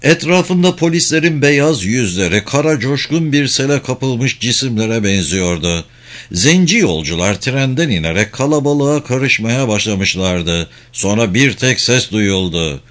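A man reading a novel aloud in an expressive, dramatic narrating style. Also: medium pitch, measured pace. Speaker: audiobook reader.

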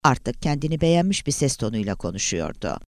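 A man narrating an audiobook in a dramatic, expressive reading style. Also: medium pitch, a little fast, dry recording, clean studio sound. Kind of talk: scripted narration.

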